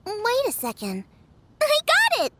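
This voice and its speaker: A woman voicing an eager young female cook who pleads and gets excited easily. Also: extremely high pitch, moderate pace, noisy background.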